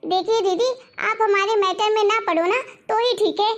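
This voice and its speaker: A woman voicing a fed-up young daughter-in-law in an animated family story, sharp and complaining. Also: very high voice, normal speed. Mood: angry.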